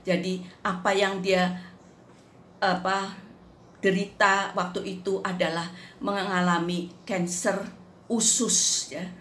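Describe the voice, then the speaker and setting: A woman telling a faith testimony in an unhurried, earnest devotional manner. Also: mid-range voice, level tone, a bit bright. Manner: unhurried, earnest storytelling that acts out quotes. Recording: roomy echo with faint background noise.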